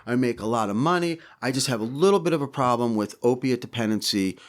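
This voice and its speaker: A middle-aged man speaks at a medium pitch and talks fast. He's a podcast guest telling stories in casual interview conversation, animatedly acting out quotes and swearing frequently.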